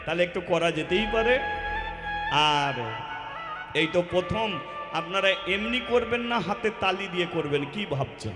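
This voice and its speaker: A man's voice: high voice, lively intonation, a little slow, long pauses. A man with a Bengali accent gives a devotional sermon, asking his listeners rhetorical questions, then leads a call-and-response chant. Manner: preaches with rhetorical questions and acts out homely examples. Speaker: kirtan singer and preacher. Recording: roomy live hall with loud music.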